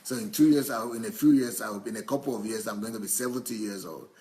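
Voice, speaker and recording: A man live-interprets a church testimony into English, speaking haltingly and often repeating or rephrasing his phrases. His voice sits on the low side and sounds mellow.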